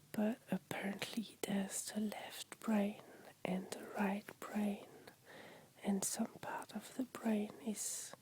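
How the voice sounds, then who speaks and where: A woman with a French accent in whispered ASMR talk, gently explaining things in simple words. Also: mid-range voice, rough recording.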